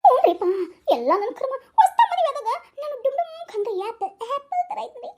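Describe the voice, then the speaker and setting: A woman's voice: extremely high pitch, sing-song, a little fast, a little mellow. A woman playing a melodramatic young wife who fake-cries about her in-laws, speaking with a North Karnataka Kannada accent in a comic skit. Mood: self-pitying. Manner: wailing, sobbing theatrically while joking.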